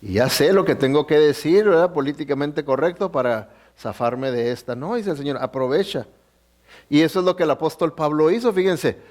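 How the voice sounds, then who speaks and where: A man's voice: on the high side, brisk, a little mellow. Man preaching with checking-in questions. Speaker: pastor. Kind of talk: sermon.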